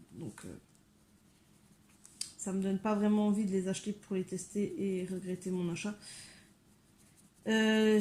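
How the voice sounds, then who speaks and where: The voice is a woman's, mid-range and mellow. She runs a coloring channel and chats casually as she colors in a home room with a window, her talk full of fillers and asides, some of it directed at her cats.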